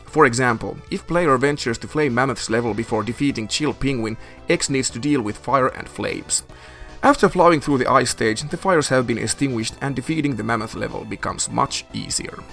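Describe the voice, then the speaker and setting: A man's voice: medium pitch, moderate pace, gravelly, fairly bright tone. A man narrates a scripted video game review over background music. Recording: music behind the voice.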